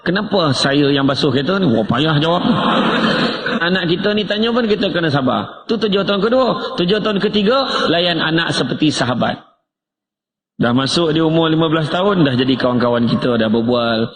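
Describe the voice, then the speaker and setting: A man's voice: on the high side, animated, normal speed. A male preacher, giving a sermon in a chatty, joking way and asking his listeners questions. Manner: conversational, joking, asks the crowd questions. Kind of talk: humorous parenting sermon. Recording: echoey room with faint noise.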